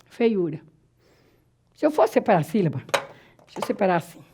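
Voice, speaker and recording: A woman from Brazil teaching a Portuguese grammar lesson for exam prep, repeating and drawing out key words slowly and asking herself rhetorical questions. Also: medium pitch, big pitch swings, dark tone, slight background noise.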